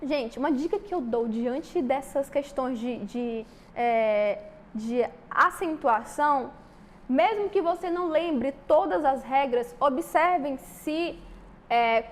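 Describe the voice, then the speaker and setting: A woman with a Brazilian Portuguese accent leads an exam-prep grammar lesson in a high, light voice. She walks through each answer step by step and keeps checking in with her students. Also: fairly bright tone. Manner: explains step by step, with frequent "tá?" check-ins. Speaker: teacher.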